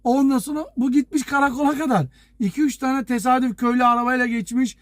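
A truck driver telling a story to his viewers in a casual, lively way, acting out the dialogue and chuckling as he goes. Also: extremely high pitch, fast talker, no echo, studio quality. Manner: lively anecdote teller, acts out dialogue.

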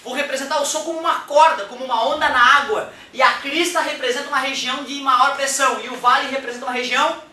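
A man from Brazil, giving a lively, joking physics lecture in a classroom and acting out examples. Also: extremely high pitch, fast talker, few pauses. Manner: animated and joking, acts out examples. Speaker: physics teacher. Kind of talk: exam-prep physics lecture. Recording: echoey room, mic at a distance.

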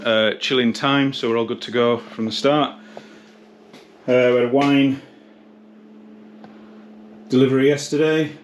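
A British pub landlord with a mid-range voice gives a casual, matter-of-fact running commentary for a behind-the-scenes vlog inside his pub and its cellar. There's a little hiss or hum on the audio.

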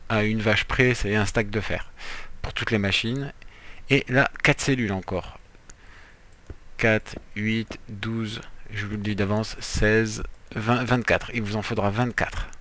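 A man's voice: fairly low pitch, fairly even intonation, slow, fairly bright tone. A man giving casual, playful gameplay commentary as a let's player, chatty, with jokey asides while he explains what he is doing.

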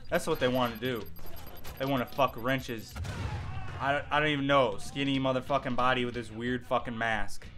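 A man's voice: medium pitch, fairly even intonation, normal speed, a bit bright, soft background music. A young man commentating live on a video game in an exasperated, sarcastic, swearing tirade. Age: young adult. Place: indoor room, at a computer.

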